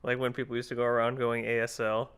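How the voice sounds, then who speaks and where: A man's voice: medium pitch, completely flat delivery, fast, fairly bright tone, clean tone. A young adult man co-hosting a casual podcast, teasing and laid-back, laughing often. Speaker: podcast co-host. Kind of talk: casual chat.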